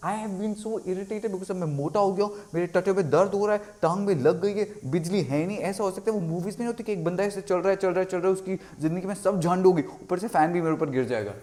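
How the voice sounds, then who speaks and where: A young man talking casually in a vlog, animated, mixing Hindi and English and acting out quotes. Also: sits high, fast, hardly any pauses. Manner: animated, mixes Hindi and English, exaggerated quoting. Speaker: vlogger.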